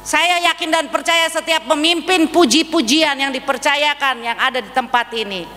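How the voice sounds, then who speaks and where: A woman pastor preaching a lively sermon, acting out voices and asking the congregation questions. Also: high-pitched, normal speed. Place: church hall. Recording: reverberant church hall with faint hum.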